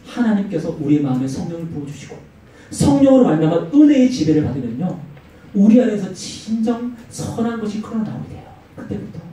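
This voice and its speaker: Animated preacher in a very echoey hall. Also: male voice. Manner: animated storytelling with acted-out quotes and swinging pitch. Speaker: youth pastor. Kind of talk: youth sermon. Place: church hall. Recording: very echoey hall, mic far off.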